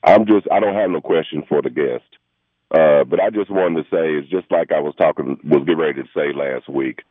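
A man's voice: rumbling low, fairly quick, dry recording. A man calling in to a radio show over the telephone, talking in an insistent, rambling, argumentative way. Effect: heard over a telephone line. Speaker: radio call-in caller. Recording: tinny phone line, dry.

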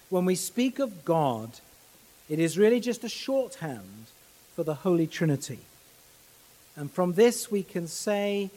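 Slow, high-voiced preacher in a reverberant hall. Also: male voice, dark tone. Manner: measured, earnest, with slow emphatic pauses. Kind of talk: sermon.

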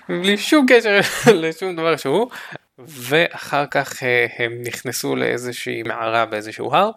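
Gravelly-voiced man telling a game story. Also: medium pitch. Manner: animated storytelling, laughs often. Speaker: podcast co-host. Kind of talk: casual chat.

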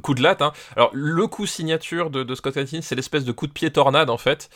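On a casual podcast, a male guest with a French accent talks enthusiastically, repeating words and piling up fillers. His pitch is fairly high and his delivery brisk and a bit bright.

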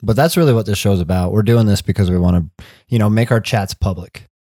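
A man's voice: fairly low pitch, fast talker, warm tone, husky, dry recording, studio quality. A young man co-hosting a podcast in casual chat, slangy and laid-back. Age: young adult. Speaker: podcast co-host. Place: home basement.

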